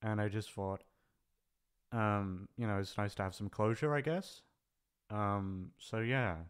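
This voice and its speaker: A man with a slightly low, clean-toned voice speaks a little slowly in an unscripted, casual farewell vlog. He's an audio channel creator and voice actor, thinking aloud as he rambles and hesitates in a self-deprecating way.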